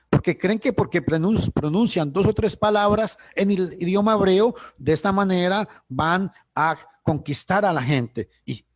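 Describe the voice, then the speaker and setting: A man's voice: high voice, a little mellow, dry recording. A man teaching church doctrine on a video call, emphatic and full of rhetorical questions, often restarting words.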